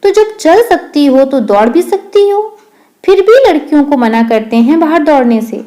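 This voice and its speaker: A woman's voice: high-pitched, very animated, moderate pace, dark tone, pitched above the performer's own voice. A woman voicing a timid young boy companion who talks in a nervous, teasing way in a storybook tale. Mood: chatty.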